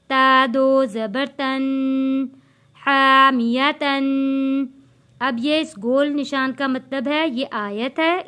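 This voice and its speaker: A woman teacher with a high, clear and smooth voice. She talks slowly and patiently, spelling out each letter and vowel mark, then stretching the joined syllables in a measured recitation lesson. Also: fairly bright tone. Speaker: Quran reading teacher. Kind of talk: slow step-by-step recitation lesson.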